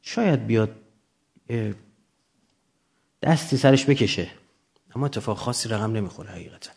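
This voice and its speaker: A man's voice: on the low side, expressive, creaky, darkish tone, breathy edge. A man lecturing off the cuff to students, didactic, often posing questions and answering them himself.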